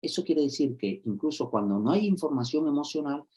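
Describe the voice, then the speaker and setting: A social educator from explains things to fellow educators over a video call. He is animated and acts out little scenes in different voices. He keeps checking that the listeners are following him. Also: fairly high pitch, fairly quick, muffled recording. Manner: lively, acts out examples, checks in with "¿vale?" and "¿sí?". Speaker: social educator giving a talk.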